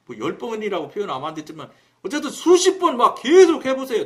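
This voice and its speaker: A man preaching on his own broadcast, telling a story in a colloquial, animated way and acting out the dialogue. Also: high-pitched. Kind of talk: storytelling sermon.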